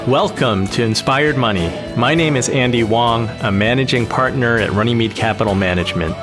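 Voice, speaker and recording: A man's voice: mid-range voice, a little fast, music in the background. A man hosting a podcast, reading an upbeat scripted introduction and then interviewing his guest outdoors in a park. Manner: upbeat, announcer-like delivery. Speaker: podcast host.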